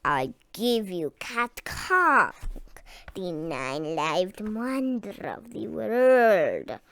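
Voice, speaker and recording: A woman voicing a boastful male mouse scientist in a squeaky voice, drawing out grand announcements to a crowd in a storybook reading. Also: big pitch swings, very slow, fairly bright tone, no echo, full character voice. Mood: grandly boastful.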